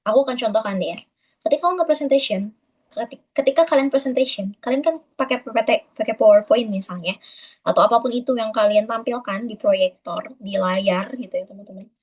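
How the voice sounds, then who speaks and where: A woman's voice: on the high side, brisk, breathy edge, poor audio. A woman giving a casual webinar lesson, chatty and addressing her listeners as friends. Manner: chatty, addresses listeners as friends, demonstrates flat and lively delivery. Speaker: webinar speaker. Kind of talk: casual instructional talk.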